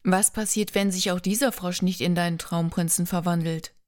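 A woman voicing a gentle, playful young man in love, reading his lines softly in an audiobook. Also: fairly low pitch, steady tone, moderate pace, lightly acted. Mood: tender, teasing. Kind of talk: audiobook dialogue.

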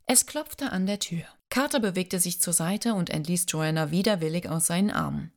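A woman reads a romance novel aloud in calm, measured storytelling. Her voice sits somewhat low for a woman and stays steady and unhurried. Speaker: audiobook narrator. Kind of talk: scripted narration.

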